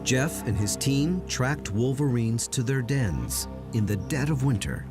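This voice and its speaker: A man's voice: medium pitch, big pitch swings, unhurried. A man reading scripted narration for a nature documentary. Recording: loud music behind narration. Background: music.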